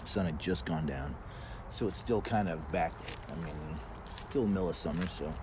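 Low-voiced male guest, casual fireside storyteller, colloquial and a bit sweary, recorded outdoors with clear background noise. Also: moderate pace. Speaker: guest telling personal stories. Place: outdoors in a backyard. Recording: noisy outdoor ambience with vehicle sounds.

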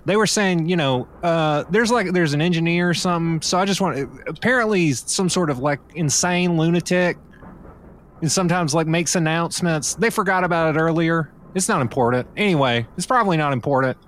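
A man's voice: on the high side, fairly quick, fairly bright tone. A man running a comedic tabletop game as game master, rambling and laughing often.

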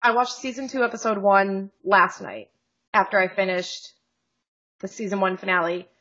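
A woman's voice: mid-range voice, steady tone, normal speed, sharp tone, muffled recording. A woman co-hosting a podcast in casual chat, joking and rambling with frequent laughs, over a video call. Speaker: podcast co-host.

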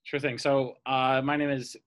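A man's voice: medium pitch, little pitch movement, moderate pace, smooth, rough recording. A young man from the Atlanta area, a theater's managing director, talking casually in an interview with many "uh" fillers. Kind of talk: interview guest.

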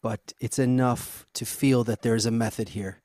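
A man's voice: mid-range voice, fairly even intonation, normal speed, darkish tone, dry recording. A man hosting an interview, guiding the talk and asking probing, eager questions. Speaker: host.

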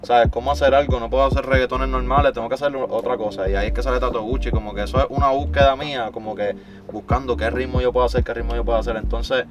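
A rapid-fire man, talking shop as an interview guest. His speech races along, animated and packed with slang, at a middling pitch. Music plays clearly behind him. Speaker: guest artist and producer. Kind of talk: casual interview chat.

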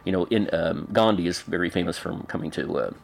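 A man's voice: sits low, a little fast, vocal fry. A man in his forties from Canada, speaking as an interview guest in a thoughtful, hesitant way with many restarts and fillers. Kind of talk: reflective conversational interview.

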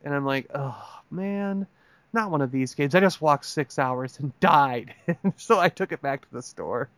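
A man's voice: medium pitch, expressive, moderate pace, fairly bright tone, no room sound. A man co-hosting a casual podcast, chatting in a rambling, jokey way that keeps interrupting itself. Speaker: podcast co-host. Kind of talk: casual chat.

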